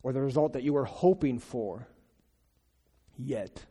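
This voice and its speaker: A man delivers a sermon in a mellow, darker voice at an ordinary pitch. He speaks conversationally and haltingly, often restarting his phrases. His voice carries a long reverb from a large hall. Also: husky. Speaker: pastor.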